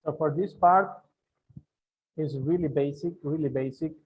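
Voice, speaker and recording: A man in his thirties from Guatemala, an English teacher giving a bilingual beginner lesson and repeating phrases slowly for his students. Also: fairly high pitch, a little hiss or hum. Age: 30s. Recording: tinny phone-like audio.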